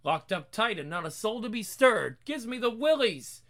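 A man's voice: high voice, very animated, moderate pace, a bit bright, heavily acted. A man playing a nervy, indignant city filmmaker in a horror story, dramatic and exclamatory. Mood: uneasy.

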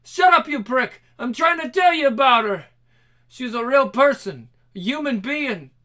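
A man's voice: extremely high pitch, expressive, measured pace, sharp tone, heavily acted. An actor playing a young man screaming with fury over his dead girlfriend in a video game scene. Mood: raging. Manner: screaming, furious, profane. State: shouting in rage. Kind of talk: video game cutscene acting.

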